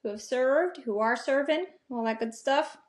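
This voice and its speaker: Woman cohost cracking jokes on a podcast, kinda high voice, laughs a lot. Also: normal speed. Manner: joking, laughs often. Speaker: podcast co-host. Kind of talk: casual podcast chat.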